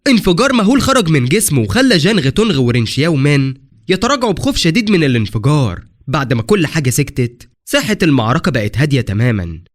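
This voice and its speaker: A man with an Egyptian accent narrating a scripted story recap in a dramatic, rapid retelling. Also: on the high side, sing-song. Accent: Egyptian Arabic.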